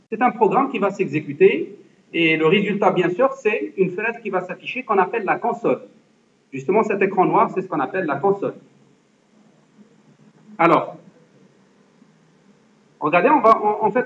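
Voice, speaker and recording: A man's voice: high-pitched, a little hiss or hum. A man teaching a computer lesson to a class, explaining step by step and often checking that students follow. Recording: echoey classroom, dull lo-fi sound.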